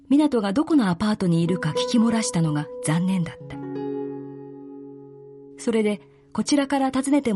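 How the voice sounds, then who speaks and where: A woman narrating a literary story in a calm, measured reading. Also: mid-range voice.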